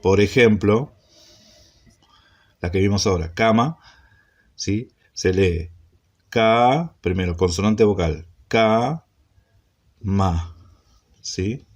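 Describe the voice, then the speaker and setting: A man teaching an introductory Hebrew class, speaking slowly and repeating points, often checking in with a questioning "¿sí?". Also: deep voice. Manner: slow, repetitive, checks in with frequent "¿sí?". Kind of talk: classroom lecture.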